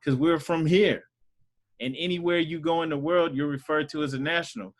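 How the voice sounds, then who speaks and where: Speaking briskly with a voice on the high side and fairly even intonation, a man leads a Sunday school group over a video call. He keeps things casual and loose, with many fillers.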